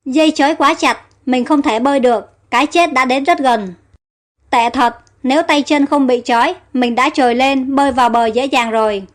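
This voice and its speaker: A woman's voice: sits high, normal speed, close to an everyday voice. A woman reading the lines of a frightened young heroine in an audio story. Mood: panicked.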